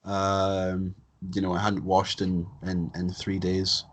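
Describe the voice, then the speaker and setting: A man's voice: low-pitched, completely flat delivery, takes it slowly. A young man hosting a casual podcast chat, joking and swearing freely. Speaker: podcast host.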